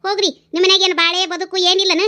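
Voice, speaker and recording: Shrill quarreling village women. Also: female voice, flat delivery, sharp tone. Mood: scornful. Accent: North Karnataka Kannada. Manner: shrill, scolding, rapid-fire insults. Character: brash, foul-mouthed village women trading insults. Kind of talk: cartoon voice acting.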